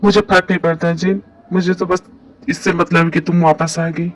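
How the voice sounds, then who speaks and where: A man voicing a devoted, caring young man in a fan dub drama, speaking gently and reassuringly. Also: fairly high pitch, level tone, moderate pace, natural voice, poor audio. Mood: tender.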